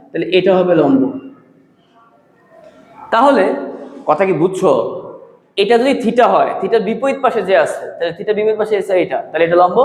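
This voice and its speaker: A male math teacher gives a classroom lecture, repeating key terms, quizzing his students and using rhymes as memory aids. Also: sits high. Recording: echoey, reverberant room.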